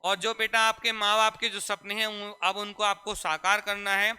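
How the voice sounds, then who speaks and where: A man's voice: high-pitched, little pitch movement, normal speed, bright, forceful tone, clear, resonant tone. A man teaching a classroom grammar lesson, repeatedly asking questions and answering them himself. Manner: repetitive call-and-response questioning. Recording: echoey hall reverb.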